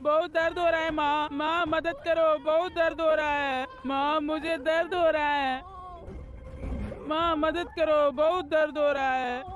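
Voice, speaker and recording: A woman's voice: high voice, level tone, measured pace, faint music behind. A young woman crying out in pain. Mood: anguished. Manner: pleading, pained cries. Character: young woman in agony at a deathbed rite. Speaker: dubbing actress. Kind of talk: Hindi film dub.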